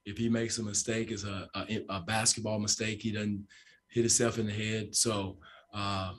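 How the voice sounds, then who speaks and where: Low, flat-voiced older coach at press conference. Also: male voice. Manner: measured, repeats phrases, frequent fillers. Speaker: basketball head coach. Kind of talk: postgame press conference answers. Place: press room with sponsor backdrop. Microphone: table microphone in front.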